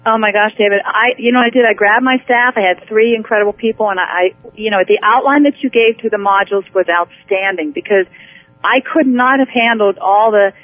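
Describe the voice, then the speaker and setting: An eager woman talks over a thin, phone-like line, her voice squeezed into a narrow band. She rambles with warm enthusiasm, restarting sentences as she goes. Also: mid-range voice, brisk, slight background noise. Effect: heard over the phone. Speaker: executive director, interview guest. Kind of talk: phone interview.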